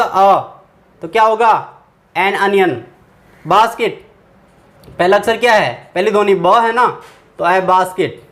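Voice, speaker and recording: A man's voice: high-pitched, a bit bright. A man teaching a grammar lesson, patiently asking questions and answering them himself. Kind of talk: explaining English grammar to students.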